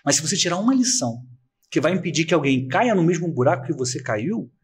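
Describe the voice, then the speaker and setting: A man hosting a podcast, calmly sharing life advice and offering brief affirmations. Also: fairly high pitch, fast, slightly rough. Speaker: podcast host. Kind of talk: reflective conversational talk.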